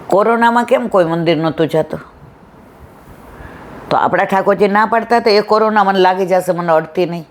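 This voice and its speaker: Woman giving a devotional talk. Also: low voice. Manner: storytelling, acting out both sides of conversations. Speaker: satsang speaker.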